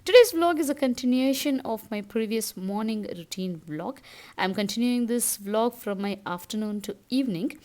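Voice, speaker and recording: A woman's voice: fairly high pitch, animated, moderate pace, darkish tone. Tamil-accented woman narrating a home vlog. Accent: Tamil Indian. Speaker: home vlogger. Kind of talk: casual vlog voice-over.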